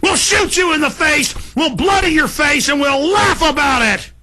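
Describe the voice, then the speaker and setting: A man acts out a power-drunk bully cop, sneering and gloating. The voice is high and harshly forceful, shouting taunts and threats in a rant. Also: lively intonation, normal speed, a little hiss or hum, heavily acted. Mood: arrogant threatening.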